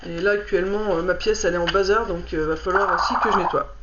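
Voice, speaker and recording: A woman's voice: lowish voice, fairly even intonation, quick pace, very noisy. A woman giving a casual oracle card reading to the camera, hesitant and stumbling with many fillers as she reads. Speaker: card reader. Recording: dull lo-fi recording.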